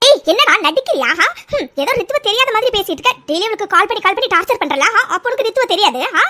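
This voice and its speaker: A woman voicing a hot-tempered young woman who scolds fast and sharply in a cartoon. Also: very high voice, big pitch swings, bright, forceful tone, full character voice. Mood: angry scolding. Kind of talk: cartoon voice acting.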